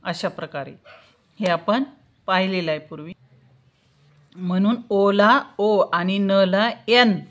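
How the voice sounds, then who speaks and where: A woman's voice: medium pitch, fairly even intonation, slow pace, long pauses, dull audio. A woman tutor teaching a spelling lesson, patiently repeating each question and answering it herself, sounding out letters syllable by syllable.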